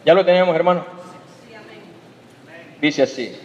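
High-voiced man preaching in a reverberant church. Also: a little slow, darkish tone. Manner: calls listeners "hermano" over and over, tells everyday stories with acted voices. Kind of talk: sermon. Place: church hall. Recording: dull sound with long church reverb.

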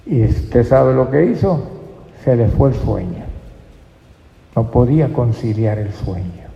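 A man preaching a sermon as pastor, slow and emphatic, who often addresses listeners as brother. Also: mid-range voice, creaky, dark tone. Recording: dull, echoey church hall.

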